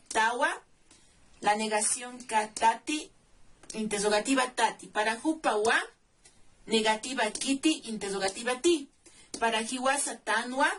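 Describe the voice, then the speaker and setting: Patiently spelling out suffixes, a woman language teacher breaks grammar down step by step and checks in with the listener. It's a slow, deliberate classroom explanation in her fairly high, slightly bright voice, captured by a distant mic with faint background noise.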